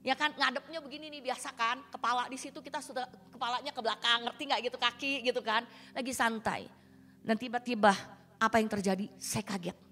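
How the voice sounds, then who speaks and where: A woman pastor delivers a sermon, telling a personal story with dramatic, colloquial flair. Her voice sits fairly high, and it rings out in a reverberant church hall with faint music underneath. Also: steady tone, fairly quick, a bit bright.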